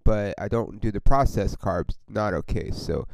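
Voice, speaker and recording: A man's voice: on the low side, a little slow, gravelly, darkish tone, a little hiss or hum, poor audio. A man hosting a casual solo sports podcast, rambling and swearing with lots of fillers as a frustrated fan. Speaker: podcast host.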